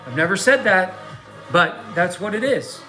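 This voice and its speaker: A man's voice: high-pitched, very animated, a little slow, sharp tone, soft background music. A man giving an improvised spiritual tarot reading to his audience, preachy and emphatic, often tagging phrases with little check-ins. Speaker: online tarot card reader.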